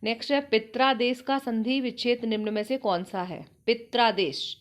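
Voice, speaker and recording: A woman's voice: a little high, steady tone, normal speed. A woman teaching an online exam-prep lesson, working through questions and explaining them step by step with frequent check-ins. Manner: explanatory, repeats "ठीक है" often.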